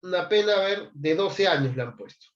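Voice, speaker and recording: A man's voice: high-pitched, expressive, a little fast, lo-fi sound. A man giving a law class, reading statute articles aloud and prompting his students to answer. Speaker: law lecturer. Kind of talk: classroom lecture.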